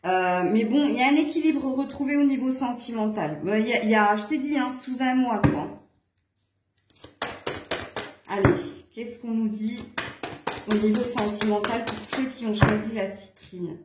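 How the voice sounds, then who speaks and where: A woman with a slightly high voice gives a casual tarot reading to her viewers. She talks in a chatty, meandering way, full of hesitations and fillers. Her voice rings in a noticeably echoey room. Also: normal speed, very noisy. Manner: chatty, hesitant with many fillers, occasional laughs. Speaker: tarot reader.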